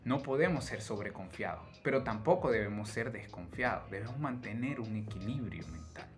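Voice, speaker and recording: A man teaching an online trading course in a motivational lecture style, asking rhetorical questions and tagging lines with quick checks. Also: on the low side, expressive, soft background music.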